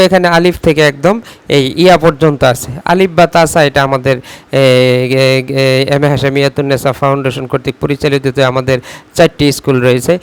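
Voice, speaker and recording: A man's voice: mid-range voice, clean tone, no echo. A man with a Bangladeshi Bengali accent teaching a class, repeating questions for dictation and spelling out letter sounds one by one.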